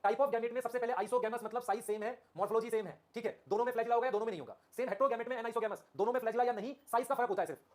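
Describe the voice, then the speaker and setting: A man teaching a biology class live online, repeating key terms and asking "okay? clear?" while calling his students children. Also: very high voice, rapid-fire, few pauses, a little mellow. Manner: addresses students affectionately as children.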